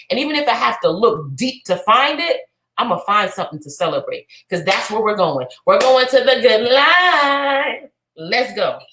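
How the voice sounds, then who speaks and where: A woman who co-hosts a podcast and works as a business coach delivers an energetic, preachy motivational talk that breaks into shouts and cheers. Her voice is mid-range, and the recording is rough and reverberant.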